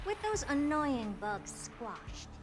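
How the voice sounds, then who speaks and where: An aloof, lecturing genius scientist. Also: female voice, high voice, sing-song, slow, heavily acted. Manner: dry, lecturing, condescending. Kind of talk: video game voice acting. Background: game music.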